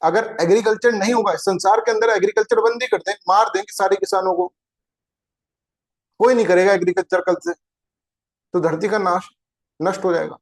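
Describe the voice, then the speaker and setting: A man's voice: high voice, steady tone, normal speed, long pauses. A man teaching an exam-prep geography lecture, chatty and informal, who keeps asking his students rhetorical questions.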